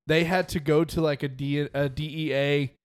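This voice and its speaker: A man's voice: on the high side, fairly even intonation, normal speed, smooth, no echo. Young man, casual podcast chat, earnest, encouraging, dry recording. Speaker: podcast co-host.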